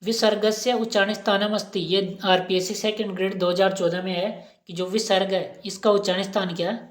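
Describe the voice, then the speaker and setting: A woman's voice: medium pitch, fairly even intonation, brisk. A woman teacher giving an exam-prep lesson, asking questions and repeating each answer aloud. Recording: roomy echo.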